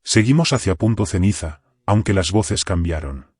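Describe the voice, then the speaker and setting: A man with a low voice tells a military horror story in the first person. His scripted delivery keeps a tense, controlled edge. The recording is close and dry. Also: animated, normal speed, darkish tone, slightly rough, no room sound. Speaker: narrator.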